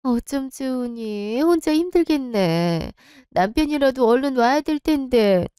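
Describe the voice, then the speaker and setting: A woman voicing a fussy, sympathetic middle-aged woman who talks a bit high and clucking. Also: expressive, a little slow, dark tone, clear, resonant tone, no echo, studio quality. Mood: fussing. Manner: fussing, higher-pitched.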